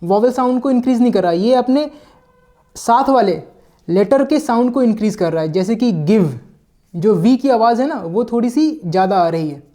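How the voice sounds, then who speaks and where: Male teacher, mellow voice, step-by-step explanations, checks in with listeners, mixes in English words. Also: sits high, lively intonation, moderate pace. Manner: mixes English words into his sentences and sometimes corrects himself mid-word. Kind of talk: explanatory classroom lesson.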